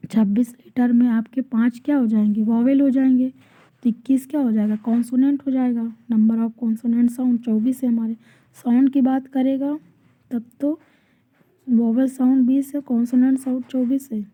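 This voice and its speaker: A woman teaching an exam-prep lesson, asking questions and answering them herself, and reading out English definitions slowly. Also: on the high side, fairly even intonation. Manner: explains by asking and answering her own questions. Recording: tinny phone-like audio.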